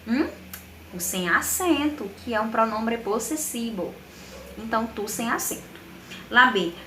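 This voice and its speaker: A woman's voice: a little high, animated, unhurried, pushed and bright, echoey room, slight background noise. A Brazilian woman teaching a Spanish lesson in Portuguese with a Brazilian accent, patiently explaining exercises and checking in with the class.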